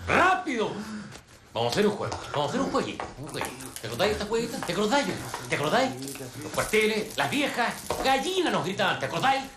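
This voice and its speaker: An actor playing a brutal, mocking male soldier with a Chilean accent, coarse and slangy, breaking into yells. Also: high voice, big pitch swings, rapid-fire, roomy sound, background noise. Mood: taunting. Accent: Chilean Spanish. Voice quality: coarse slangy bullying talk, swings to yelling. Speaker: military interrogator. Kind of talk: film drama.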